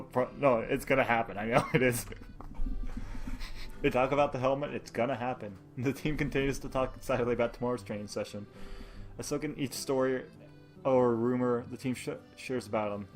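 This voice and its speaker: Male let's-play host, mid-pitched, reads story text with jokes, giggles and stumbles. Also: a little fast, faint music behind. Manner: laughs often, jokes, stumbles over words while reading. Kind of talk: reading a visual novel aloud with commentary.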